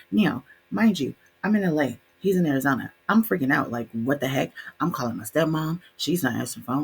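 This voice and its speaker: A young adult woman co-hosting a podcast, telling a story in a casual, animated way and doing the voices of her relatives. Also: very deep voice, slightly rough. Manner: animated, voices quoted relatives, laughs often. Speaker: podcast co-host.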